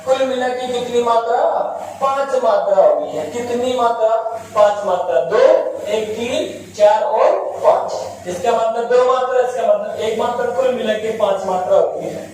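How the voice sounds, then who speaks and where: A man's voice: very high-pitched, normal speed, darkish tone, a little hiss or hum. A man teaching Hindi grammar in a class, repeating key points and asking and answering his own questions. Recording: very echoey room, mic at a distance.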